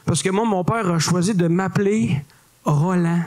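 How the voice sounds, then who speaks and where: A man's voice: sits high, moderate pace, a little mellow. A young man with a Québécois accent performing stand-up comedy on a club stage, playful and self-mocking with punchy delivery. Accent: Québécois French. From Quebec.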